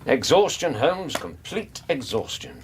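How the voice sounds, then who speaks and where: An English actor playing a loyal, caring doctor in a radio drama, measured and gentle in narration and dialogue. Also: male voice, mid-range voice, huge pitch swings, a little hiss or hum. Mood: concerned, reassuring.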